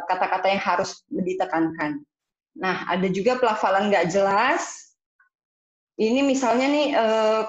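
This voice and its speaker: A woman from Indonesia, an IELTS speaking teacher, explaining a lesson in a casual way, with hesitations and English terms mixed in. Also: mid-range voice. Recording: echoey room, dull sound.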